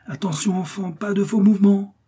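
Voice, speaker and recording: A man's voice: medium pitch, fairly even intonation, normal speed, dark tone, husky, close to an everyday voice. A man voicing a brave young Russian nobleman who barks urgent orders in a storybook reading. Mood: shouting orders.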